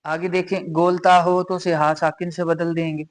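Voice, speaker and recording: A man with a Pakistani Urdu accent teaching a Quran reading lesson, patiently repeating each rule and reciting examples slowly. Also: fairly high pitch, level tone. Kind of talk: slow explanatory lesson.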